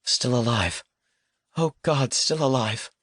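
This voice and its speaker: A man's voice: mid-range voice, slow, a bit bright, breathy edge, dry recording, studio quality, pitched above the performer's own voice. A man voicing a snarling wounded pilot. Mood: terrified. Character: wounded male soldier pilot, bleeding and hostile. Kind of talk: audiobook character reading.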